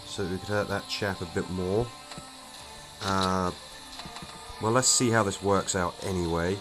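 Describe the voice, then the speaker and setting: A low-pitched man talks his way through a turn-based game in an easy, chatty let's-play style. He thinks aloud, stumbles over a word now and then, and clear game music plays behind him. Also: steady tone, a little slow, poor audio. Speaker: gaming streamer. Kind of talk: casual let's-play commentary.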